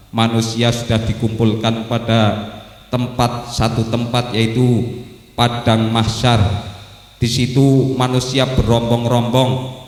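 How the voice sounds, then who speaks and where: Javanese preacher in an echoey hall. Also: male voice. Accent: Javanese Indonesian. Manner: storytelling, acting out voices with big pitch jumps. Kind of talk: sermon. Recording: echoey hall, heavy reverb.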